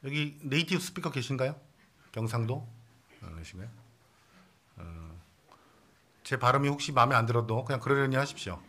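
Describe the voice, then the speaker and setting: Lively bright-voiced male pastor preaching. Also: medium pitch, moderate pace, long pauses. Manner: conversational preaching with playful asides and many fillers. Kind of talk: Sunday sermon. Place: church sanctuary.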